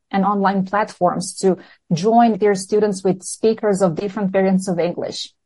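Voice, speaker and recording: A woman's voice: medium pitch, a little mellow, rough recording. Earnest Serbian-accented woman teacher. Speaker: English teacher. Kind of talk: podcast interview answers.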